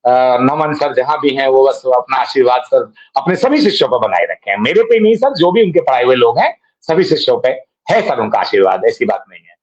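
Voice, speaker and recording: A man's voice: medium pitch, very animated, brisk, dull audio. A middle-aged man reminiscing casually as a guest, rambling and calling the host sir again and again. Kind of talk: casual reminiscing on a live online program.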